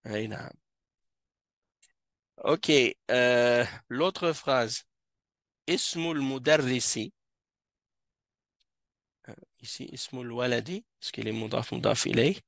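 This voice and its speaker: Man teaching a class, slow careful explaining, lots of fillers, mid pitch, dry sound. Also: creaky, a bit bright, no echo. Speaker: Arabic teacher. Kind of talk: classroom lesson. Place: mosque classroom.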